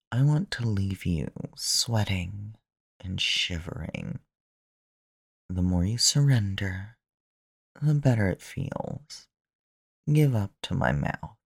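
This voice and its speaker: A man performing slow, intimate erotic roleplay in a soft, commanding manner that often drops to a whisper. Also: fairly low pitch, creaky, husky, no echo, studio quality.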